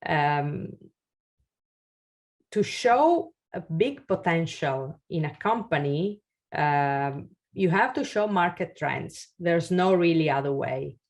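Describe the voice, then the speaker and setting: A woman with Italian as her first language leads a webinar workshop for founders over a video call, then answers questions. Her low, slightly mellow voice moves at a slow pace with lively intonation, and she hesitates often, restarting and using fillers.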